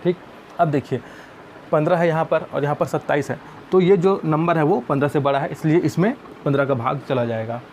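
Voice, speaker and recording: A man's voice: on the high side, fairly quick, darkish tone, slight background noise. A man teaching math, explaining each step patiently and often calling viewers friends.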